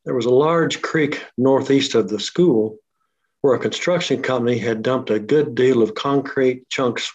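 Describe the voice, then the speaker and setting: A man reading his memoir aloud at a steady, measured pace, his voice coming through a laptop speaker on a remote line. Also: mid-range voice. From Oklahoma City. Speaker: guest author. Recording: dull lo-fi remote audio.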